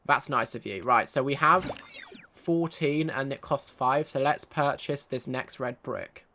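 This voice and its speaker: A man's voice: medium pitch, a little slow, bright, forceful tone, slight background noise. A man giving casual game commentary as a channel host, chatty and prone to correcting himself.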